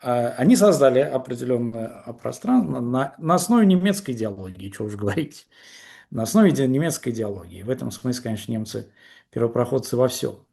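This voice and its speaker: A man appears as a guest in a political conversation, building his argument haltingly with many fillers and restarts. The voice is mid-range, creaky and mellow, delivered in an animated way.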